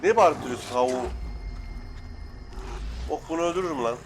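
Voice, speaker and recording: A young man casually commenting while playing, excitable and cursing at the game, shouting now and then. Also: fairly high pitch, brisk, background noise. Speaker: gaming YouTuber. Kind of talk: Let's Play commentary.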